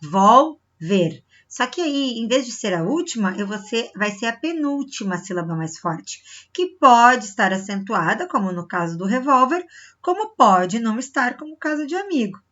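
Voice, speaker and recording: Bright-voiced teacher woman. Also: a little high, lively intonation, muffled recording. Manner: explaining slowly, checking in with "tá?" and "né?"; stretches words to show the stressed syllable. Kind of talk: recorded video lesson for children.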